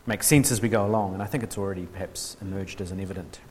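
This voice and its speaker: With a low voice and fairly even intonation, a New Zealander races through an informal theology lecture at a workshop. The hall is reverberant and there is slight background noise, and he hesitates with many ums and restarts, adding dry, self-deprecating humour.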